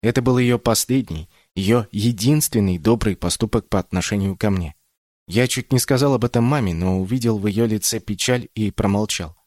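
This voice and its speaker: Brief: male audiobook narrator, deep-ish voice, calm reflective first-person read, dry booth sound. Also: normal speed, dry recording.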